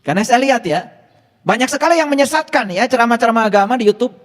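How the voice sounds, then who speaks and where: A male preacher gives a casual sermon, pressing his listeners with rhetorical questions. His high voice swings widely in pitch. A long hall reverb trails behind every phrase. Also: rapid-fire. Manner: rhetorical questions, lively teaching.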